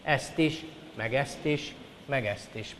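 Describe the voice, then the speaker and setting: In a lecture hall, the older man gives a formal university lecture, speaking courteously to students and emphasizing key points. His medium-pitched voice has a slightly bright quality, and the recording is reverberant with a faint hiss.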